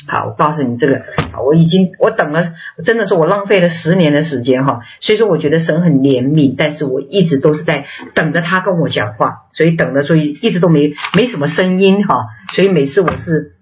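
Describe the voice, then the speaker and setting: A woman preaching a sermon, telling personal testimony in an animated, chatty way. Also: low-pitched, brisk, highs cut off, a little hiss or hum.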